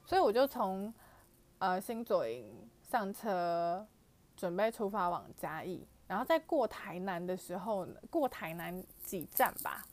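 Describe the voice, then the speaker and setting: A young woman vlogger with a Taiwanese Mandarin accent animatedly retells a personal story to camera, full of fillers and exclamations. Her mid-range voice is a little mellow, with big pitch swings and a measured pace.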